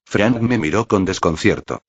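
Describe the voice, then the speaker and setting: A man narrating a story in the first person, in a steady, dramatic way. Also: deep voice, moderate pace, breathy edge, lo-fi sound.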